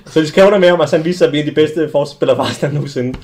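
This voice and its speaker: Animated young Danish-speaking man telling stories. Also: fairly high pitch. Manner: animated anecdote-telling with many restarts. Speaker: podcast host. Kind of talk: casual sports podcast storytelling. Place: small studio.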